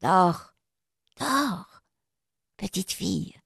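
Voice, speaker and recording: A loyal, gentle dog murmurs softly and slowly, as a woman reading aloud voices him. The storybook voice stays quiet and tender. The sound is dry and close. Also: mid-range voice, lively intonation, no room sound, lightly acted. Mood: murmuring.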